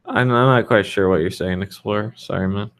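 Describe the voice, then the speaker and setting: A developer in his thirties answers viewer questions on a casual livestream Q&A, rambling loosely and frankly with fillers. His voice is on the low side, brisk and fairly bright.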